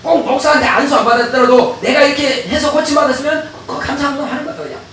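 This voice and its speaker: A male pastor preaches a lively sermon in a high, bright, forceful voice. He often laughs, acts out conversations and breaks into shouts. The sound comes from a distance in a very echoey church with faint background noise. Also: fast. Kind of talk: animated sermon. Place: church sanctuary.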